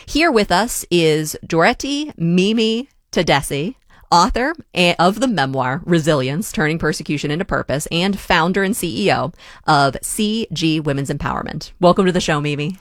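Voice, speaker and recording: Calm low-voiced female radio host. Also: moderate pace, dry recording, studio quality. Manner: calm, steady, reads scripted intros. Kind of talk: public radio interview hosting. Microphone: studio mic.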